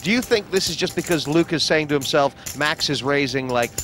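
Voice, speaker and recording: A man's voice: on the high side, brisk, a bit bright, soft background music. A man commentating on a poker broadcast, asking his co-commentator questions and reading out game rules. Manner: conversational, asks the analyst questions.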